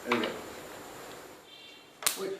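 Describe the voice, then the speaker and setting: A man's voice: drawn-out words, distant mic. An actor playing an annoyed young man who scolds his noisy neighbor in a comedy drama. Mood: shouting. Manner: scolding, shouting commands. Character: irritated young male neighbor, guitarist. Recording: echoey room, mic from afar, music.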